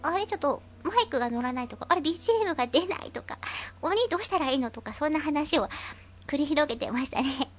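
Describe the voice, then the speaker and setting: High cute-voiced woman radio host. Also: animated, fast, slight background noise. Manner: chatty, giggly, rambling with fillers. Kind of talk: casual chat reading listener comments. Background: faint background music.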